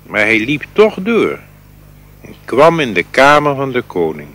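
A man reading a fairy tale aloud in a slow, expressive storytelling manner. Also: medium pitch. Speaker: reader.

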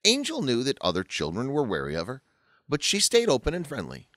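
A man reading a scripted story as narrator, in an expressive, lively way. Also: mid-range voice, brisk, dry recording, studio quality.

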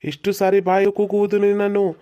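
A stern old exorcist priest in a cartoon, speaking in a flat, dark, measured voice and summoning a spirit with slow formal commands. A performer puts him on. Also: mid-range voice, dull audio, lightly acted. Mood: commanding.

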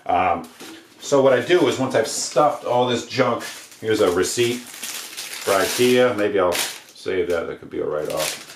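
An American man of about forty, a DIY homesteading presenter, gives a casual hands-on demonstration in his living room by a wood stove, rambling in an offhand, slangy way. His lowish, gravelly voice is expressive and measured in pace. The room echoes, and handled objects can be heard.

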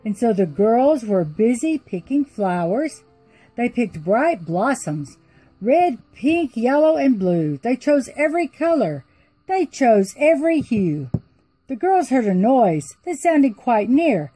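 A woman narrating a rhyming story in an expressive, sing-song way. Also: fairly high pitch, slow, slightly rough, no echo, faint music behind.

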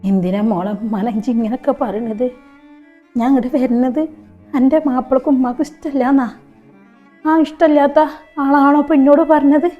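A woman's voice: sits high, normal speed, phone-quality sound, faint music behind. A woman playing a poor elderly widowed mother in a short skit, speaking in a Malappuram accent, hurt and pleading. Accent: Malappuram Malayalam. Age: older. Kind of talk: short-film skit acting.

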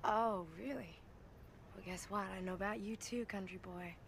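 A woman's voice: mid-range voice, normal speed, a little hiss or hum, lightly acted. An actress playing a young, well-off woman who is proud, defensive and torn, in a film drama. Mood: angry, defiant.

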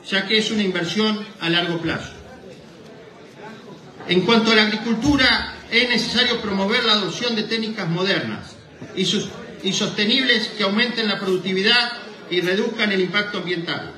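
Here the rural association's president, a middle-aged Argentine with a high, bright voice, reads his prepared speech at normal speed. He speaks Argentine Spanish from a lectern in an indoor hall. A distant boom-stand microphone captures the echoey PA sound.

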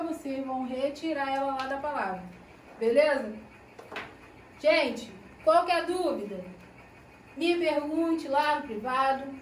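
A teacher explains a lesson in a high, light voice, stretching out key words and checking in often. She sits a little back from the mic, and the room gives her voice a noticeable echo. Faint background hum sits behind her. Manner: slow, drawn-out explanations with frequent "né?" and "ó". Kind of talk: recorded class lesson. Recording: echoey room, voice from a distance.

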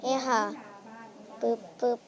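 A woman's voice: slow pace, crowd noise. A young woman casually chatting while playing a computer game, rambling playfully into a headset mic close to her mouth. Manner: rambling, playful, polite sentence endings. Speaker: game channel host. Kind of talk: casual chatty gameplay commentary.

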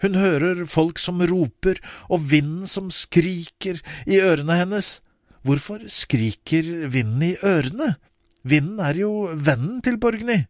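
A man narrating a children's audiobook expressively, with wide swings in pitch. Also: expressive, no room sound, clean studio sound.

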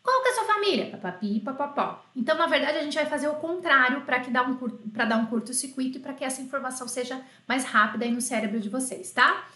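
A woman gives a French lesson in a high, bright voice that keeps coaxing her students along. She drills each phrase over and over and keeps nudging the class to repeat after her. The room adds a noticeable echo around her voice. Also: fast, hardly any pauses. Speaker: French teacher. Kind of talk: online language lesson. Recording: roomy echo.

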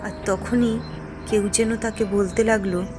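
A woman narrates a spooky cartoon story at an unhurried pace, in a mid-pitched, even voice. Faint music runs beneath her. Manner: measured, plain storytelling.

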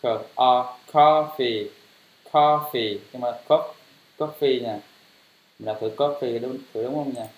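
A man leads a pronunciation lesson at an unhurried, deliberate pace. He spells each word out letter by letter and then says it again, louder. The sound is roomy and a little dull and lo-fi. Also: mid-range voice, steady tone. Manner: spells words letter by letter, repeats them slowly and loudly. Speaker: English pronunciation teacher.

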